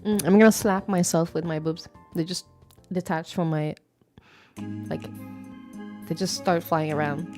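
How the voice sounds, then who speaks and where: A woman VTuber chatting casually on a live stream, playful and rambling, with sudden squeaky greetings. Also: fairly even intonation, unhurried, long pauses, darkish tone. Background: faint background music.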